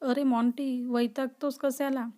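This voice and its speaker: A woman's voice: high voice, level tone, measured pace, warm tone. Eager young man in love, read by a woman. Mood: coaxing.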